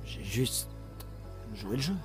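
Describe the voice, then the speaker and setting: Bashful young man in horror game, halting, very varied pitch, music behind. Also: animated. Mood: flustered, defensive. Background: prominent game music.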